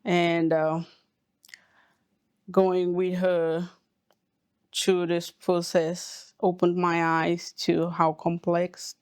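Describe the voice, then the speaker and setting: A woman from Cameroon, a hematologist oncologist, giving slow, measured explanations with pauses in a podcast interview. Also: lowish voice, completely flat delivery, darkish tone, clean tone, no echo.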